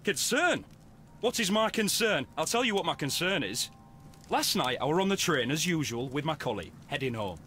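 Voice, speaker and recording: A man's voice: on the high side, sing-song, moderate pace, pushed and bright, a little hiss or hum. An actor playing an indignant male train passenger who complains in a huffy tone in a video game.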